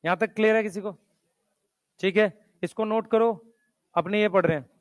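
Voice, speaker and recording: A male teacher giving a classroom lecture. He calls his students "beta", mixes in English technical terms, and keeps urging them to write quickly. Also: high-pitched, steady tone, dry recording.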